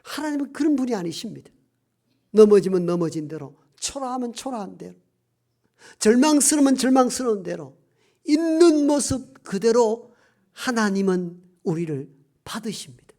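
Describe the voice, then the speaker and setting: A pastor delivers a sermon in a voice of middling pitch, pressing hard on some lines and dropping to a near-whisper on others. Key phrases are stretched out slowly for weight. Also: very animated. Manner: swings between emphatic raised lines and hushed near-whispers.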